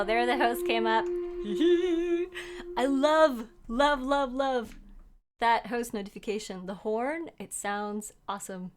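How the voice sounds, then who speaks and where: This young woman, a native Norwegian speaker, streams games and talks with her chat as she plays, reading messages aloud. Her voice is fairly high, with slight background noise behind it. She comes across as chatty and giggly, with frequent laughter.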